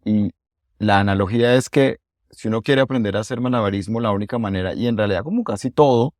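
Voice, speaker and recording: A man with a fairly low voice hosting a podcast interview, keen and chatty, with frequent restarts as he builds his point. The sound is dry and close. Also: quick pace, darkish tone, dry recording. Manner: enthusiastic, conversational, often repeats words. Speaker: podcast host, English coach. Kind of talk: casual interview.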